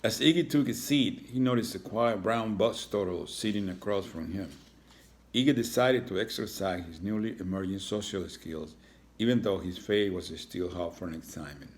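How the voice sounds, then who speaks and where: A man's voice: fairly low pitch, moderate pace. A man reading a children's story aloud, now and then adding chatty asides to his listeners. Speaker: reader.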